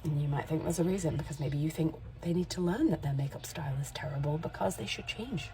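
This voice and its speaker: Speaking fast, a creator and makeup artist in her forties addresses the camera in a relaxed, honest vlog. She has a slightly low, mellow tone and tends to meander, revising her sentences partway through.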